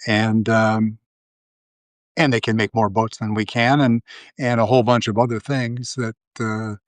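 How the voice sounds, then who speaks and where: Guy on his livestream, slow drawn out talk, rambles with tons of uhs, dry little room. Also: lowish voice, flat delivery, no room sound. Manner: rambling, many fillers and restarts. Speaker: livestream host. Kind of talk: casual political commentary.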